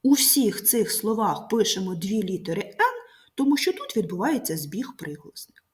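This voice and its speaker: A woman teacher giving a recorded grammar lesson to pupils, speaking clearly and slowly, stressing each word. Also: mid-range voice, very animated.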